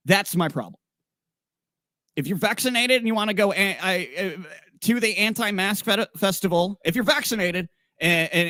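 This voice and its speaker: A man's voice: high voice, fairly bright tone, no room sound, clean studio sound. A man co-hosting a podcast in casual chat, blunt and profane, rambling with restarts. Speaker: podcast co-host.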